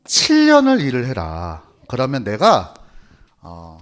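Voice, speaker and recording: Sly, scheming uncle bargaining, played by a male preacher; swinging pitch. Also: wildly swooping pitch, slow.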